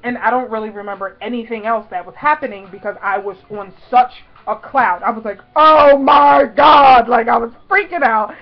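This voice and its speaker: A woman vlogger telling a personal story in an excited, gushing way, full of "like" and "y'all". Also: mid-range voice, brisk, hardly any pauses. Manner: gushing, breathless, lots of "like" and "y'all". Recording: dull lo-fi recording.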